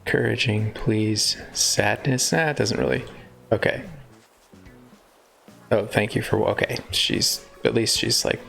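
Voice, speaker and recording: A man's voice: on the low side, measured pace, gravelly, pauses often, a bit bright. A man chatting casually on a live stream, rambling and breaking off mid-sentence to joke. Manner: chatty, rambling, self-interrupting. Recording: faint guitar music behind.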